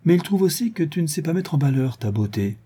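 Sly, playful young woman for an audiobook, read by a man, warm and husky, teasing throughout. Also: fast talker. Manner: lively, teasing, higher voice.

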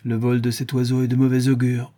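A man playing a bitter young peasant hunter in an audiobook, low and sombre. His voice is dark and husky with a brooding edge. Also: completely flat delivery, brisk, lightly acted.

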